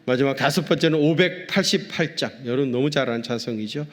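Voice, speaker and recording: A man's voice: medium pitch, fast talker. A male pastor giving a sermon, telling a story and speaking directly to his congregation. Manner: warm storytelling preaching with addresses to the congregation. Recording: long reverb from a large hall.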